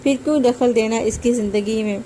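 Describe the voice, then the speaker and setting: A stern older brother who scolds out of worry, voiced by a woman reader. The voice stays mellow and a bit high, with faint noise behind it. It is read plainly, storybook style. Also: natural voice. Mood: concerned.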